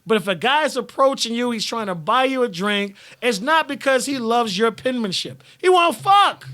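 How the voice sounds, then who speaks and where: A man's voice: extremely high pitch, moderate pace, sharp tone. Blunt, profane male stream host. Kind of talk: casual chat reading viewer comments.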